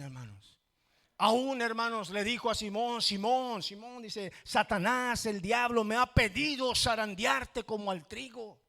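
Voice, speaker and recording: A male pastor preaching a sermon in a church, repeating "hermanos" constantly and swinging from low murmurs to loud shouts.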